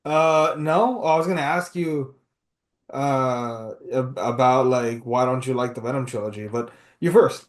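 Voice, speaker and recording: A man's voice: medium pitch, unhurried. A man in his thirties co-hosting a casual podcast, talking animatedly and often restarting his sentences. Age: 30s. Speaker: podcast co-host. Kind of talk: casual movie review chat.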